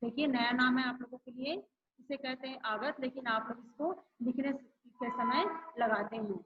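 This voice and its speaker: A woman's voice: high-pitched, steady tone, breathy edge, lo-fi sound. A woman teacher giving an online grammar lesson to schoolchildren, repeating each rule and example. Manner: slow, repeats each point and example for pupils.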